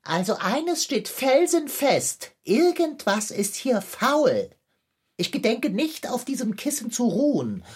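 An actress voicing a pompous talking tomcat with stilted, formal speech in a children's audio drama. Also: female voice, fairly high pitch, very animated, takes it slowly, a little mellow, breathy edge, exaggerated voice. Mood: wary.

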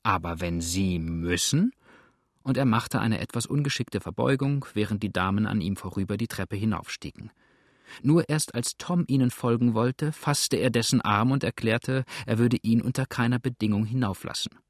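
A man narrating a novel in a measured audiobook reading. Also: medium pitch, no echo, clean studio sound.

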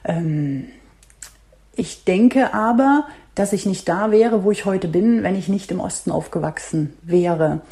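A woman's voice: mid-range voice, measured pace, dark tone. A woman from Saxony giving a firm, plain voice-message statement as a listener. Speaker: listener caller.

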